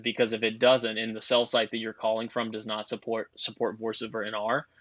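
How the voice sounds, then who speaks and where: A man with a lowish voice talks through phone technology at length, chatty and loose. The sound is a bit muffled and very dry, with no room in it. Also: completely flat delivery, a little fast, fairly bright tone, no echo. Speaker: guest telecom expert. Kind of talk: casual podcast chat.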